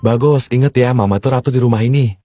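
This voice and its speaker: Brief: man, mid-pitched, rapid mock-stern skit dad, music under. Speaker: skit actor playing a father. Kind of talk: comedy skit acting.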